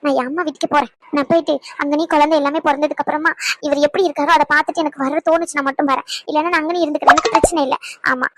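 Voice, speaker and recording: A woman voicing a hurt young wife who is expecting a baby, speaking in a rapid, indignant way. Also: high-pitched, fairly even intonation, no echo. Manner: rapid, indignant, sharp-tongued. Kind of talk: cartoon voice acting.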